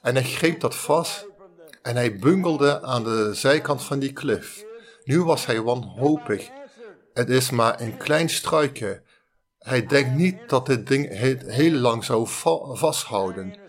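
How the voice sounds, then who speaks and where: Slow, deliberate male preacher. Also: medium pitch, lively intonation. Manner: slow, deliberate, halting with restarts. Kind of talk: sermon with storytelling.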